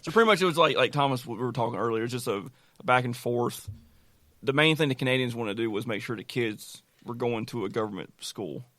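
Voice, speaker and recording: A man's voice: mid-range voice, fast talker, fairly bright tone, no room sound. Male podcast co-host, mid range, rambling explainer, dead-dry sound. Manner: explains at length with many "uh" fillers, swears casually. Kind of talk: casual chat.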